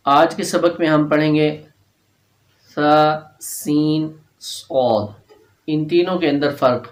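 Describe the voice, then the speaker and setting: A man teaching a tajweed lesson, patiently repeating each letter slowly and chanting verses in drawn-out recitation. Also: a little high, fairly even intonation, roomy sound.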